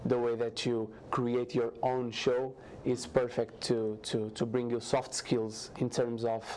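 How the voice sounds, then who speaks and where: A young man from Portugal with a Portuguese accent, answering as a guest in a TV studio interview, halting with frequent restarts. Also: mid-range voice, level tone, darkish tone, a little hiss or hum. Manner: halting, many restarts and fillers, earnest. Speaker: guest, startup founder.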